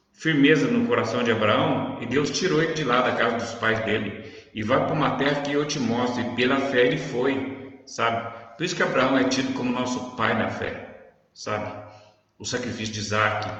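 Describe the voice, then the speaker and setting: Speaking at a moderate pace in a mid-range, fairly bright voice, this São Paulo-accented Brazilian man gives informal Bible teaching. He is conversational and instructive and frequently makes sure the listener keeps up. The room is very reverberant and the audio sounds dull.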